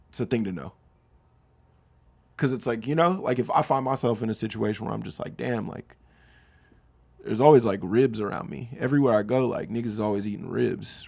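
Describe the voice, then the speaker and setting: A man's voice: on the low side, creaky. A man hosting a solo podcast, riffing comedically on song lyrics in casual chat and acting out quoted lines. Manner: animated, riffing, mock-voices quoted lines. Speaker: podcast host.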